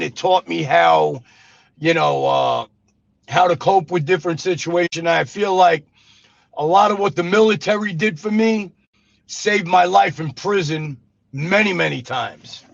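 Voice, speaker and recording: A man's voice: sits high, measured pace, gravelly, a bit bright, dry recording. A man, an interview guest telling his life story in a casual, street-talking way. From Brooklyn, New York. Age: 50s. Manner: street-talking, says "brother" and "you know what I mean". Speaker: interview guest, former gangster. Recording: dull dry lo-fi sound.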